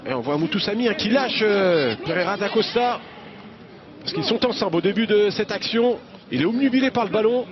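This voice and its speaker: A man's voice: high-pitched, animated, fairly quick. A man giving analytical live football commentary as the co-commentator, explaining the play. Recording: dull lo-fi broadcast with crowd noise. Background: stadium crowd.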